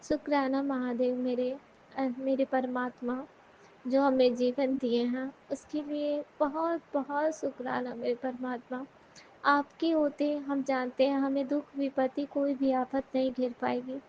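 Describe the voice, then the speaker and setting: High-voiced woman giving devotional testimony. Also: level tone, measured pace. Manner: earnest, repeatedly addresses the listeners. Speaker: devotee sharing a satsang. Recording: dull lo-fi recording with faint noise.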